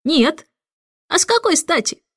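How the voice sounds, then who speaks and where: A cheeky, carefree idler turned court jester chirps in a high, singsong voice, as a woman puts him on. The sound is close and dry, with no room behind it. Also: big pitch swings, measured pace, a bit bright, dry recording, heavily acted.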